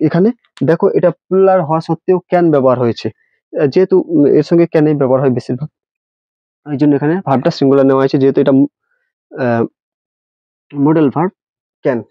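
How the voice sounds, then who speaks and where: A man with a slightly high voice teaches an English grammar lesson in classroom style, spelling words out letter by letter and posing rhetorical questions to his students. The recording is dry, dull and lo-fi.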